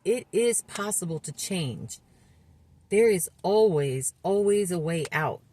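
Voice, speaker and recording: A woman in her fifties speaking candidly about her own recovery, earnest and halting, with frequent restarts and fillers. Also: on the low side, lively intonation, darkish tone. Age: 50s. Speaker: recovery vlogger. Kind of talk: candid personal testimony.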